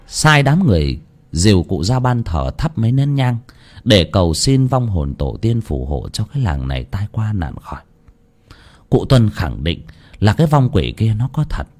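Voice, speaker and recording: A man's voice: fairly low pitch, darkish tone, slightly rough. A man narrating a horror story with dramatic, varied storytelling.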